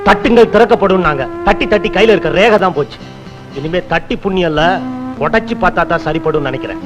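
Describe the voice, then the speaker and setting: A hot-tempered jobless husband. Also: male voice, high voice, expressive, fast, music in the background. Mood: gruff. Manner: gruff, defiant. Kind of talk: 1980s film dialogue.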